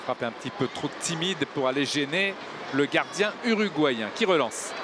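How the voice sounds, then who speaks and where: Frenchman in excited sports commentary, fairly high voice. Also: normal speed. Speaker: football co-commentator. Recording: clear outdoor stadium noise behind. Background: outdoor ambience of a football match.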